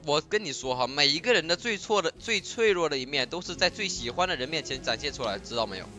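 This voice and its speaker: A man in casual voice chat while gaming, teasing and scolding his teammates one moment and gently coaxing a friend the next. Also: a little high, animated, fast talker, soft background music. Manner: teasing, swings from loud scolding to soft coaxing. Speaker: game streamer comforting a teammate.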